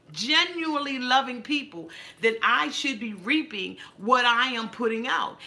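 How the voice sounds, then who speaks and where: Emphatic woman with a bright voice. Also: mid-range voice. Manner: emphatic and repetitive, with casual cursing; talks while decorating a tree. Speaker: YouTube channel host. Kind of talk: casual livestream monologue.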